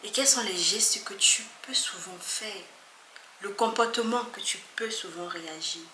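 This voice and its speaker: A woman vlogger talking earnestly to her viewers, emphatic and often soft and hushed. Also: medium pitch, unhurried. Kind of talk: earnest talk to camera. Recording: echoey room with faint background noise.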